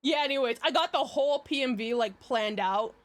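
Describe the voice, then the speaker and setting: High-pitched, hyper young woman livestreamer. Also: fairly quick. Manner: hyper, giggly and scattered, repeating words. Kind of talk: casual livestream chat.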